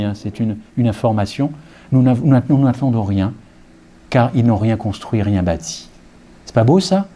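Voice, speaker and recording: A man's voice: mid-range voice, mellow, slight background noise. A middle-aged man from France preaching a sermon, talking easily with the congregation through asides and rhetorical questions. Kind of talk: sermon with Bible study.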